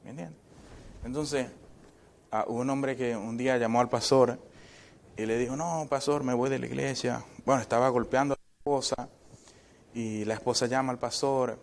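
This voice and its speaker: A man's voice: medium pitch, steady tone, normal speed, pauses often. A man, a pastor, preaching a conversational sermon in a church. He keeps checking in with the congregation through short tag questions and slips in joking asides.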